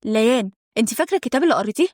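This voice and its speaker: A woman voicing a calm, knowing young man with an Egyptian accent, speaking matter-of-factly. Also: a little high, very fast, no room sound, studio quality.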